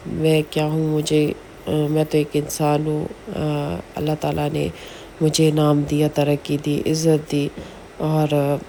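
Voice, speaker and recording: A woman vlogging in a chatty, earnest way about faith, with many pauses and fillers. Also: deep voice, dark tone, slight background noise. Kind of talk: casual religious advice vlog.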